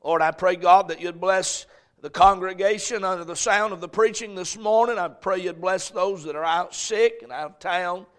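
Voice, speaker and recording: A man with a high-sitting voice and fairly even intonation preaches at normal speed as a pastor, his words echoing around a church hall. Speaking folksily to the congregation, he repeats phrases and rises in intensity whenever he reads scripture aloud.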